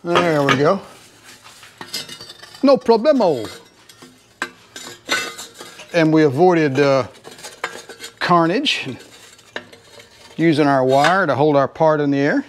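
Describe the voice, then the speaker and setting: A middle-aged man with a Southern drawl talks his way through a repair job in his home garage. His voice sits a touch higher than most men's. He rambles in a folksy way and keeps calling his viewers folks. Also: measured pace, long pauses, a little hiss or hum. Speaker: home mechanic host. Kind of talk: casual how-to narration while working. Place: home garage, working under a car.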